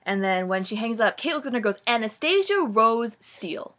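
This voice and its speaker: A woman's voice: medium pitch, quick pace, noisy background. A young woman in her twenties giving a casual, comic book-review rant, sarcastic and swearing freely, with lots of "like" and dramatic groans. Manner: gushing then mocking, dramatic sighs and groans.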